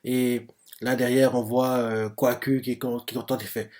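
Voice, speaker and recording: A man's voice: medium pitch, level tone, moderate pace, darkish tone. A man hosting a live manga reaction stream, talking through each page as he reads it and thinking aloud, full of hesitations and filler words. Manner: hesitant, explains as he goes, filler-heavy with frequent "euh" and "en gros"; reads other people's lines aloud in his own voice, summarizing. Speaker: manga reaction channel host.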